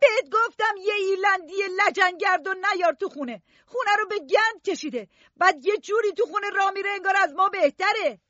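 A man's voice: extremely high pitch, few pauses, pushed and bright, dry recording, lo-fi sound, pitched above the performer's own voice. A man voicing a frail, hateful foster mother who screams and scolds in an audiobook. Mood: furious. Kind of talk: audiobook character voice.

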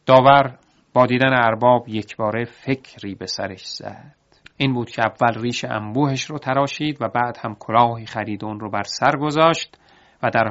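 A man narrating an audiobook folk tale in a steady, expressive storytelling voice. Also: medium pitch. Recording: dull lo-fi audiobook recording.

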